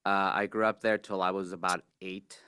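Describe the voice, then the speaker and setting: A man in his forties from Mexico, answering interview questions in a relaxed, halting way with plenty of fillers and restarts. His voice sits low but sounds bright and clear. The close mic gives a dry sound. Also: no room sound. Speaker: guest puppeteer. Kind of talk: casual interview.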